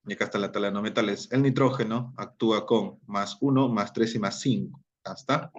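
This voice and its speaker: A man's voice: fairly low pitch, brisk, dull audio. A man teaching a chemistry lesson, explaining step by step, repeating key terms and checking in with his students.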